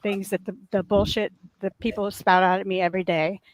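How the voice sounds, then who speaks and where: On a casual panel chat, a woman with a soft, mid-range voice tells a long story that is earnest and indignant. She speaks a little fast in a level tone, and her voice turns crackly and raw.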